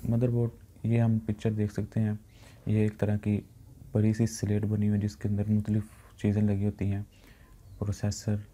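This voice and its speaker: A man with a Pakistani Urdu accent teaching computer science in a recorded lecture, explaining in plain speech and reading English definitions slowly. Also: lowish voice, mellow. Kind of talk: recorded lecture over slides.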